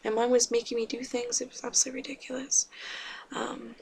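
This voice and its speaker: Halting, gravelly-voiced woman vlogging. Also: a little high, little pitch movement, a little mellow, slight background noise. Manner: halting, many fillers and restarts, subdued. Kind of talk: personal confessional vlog.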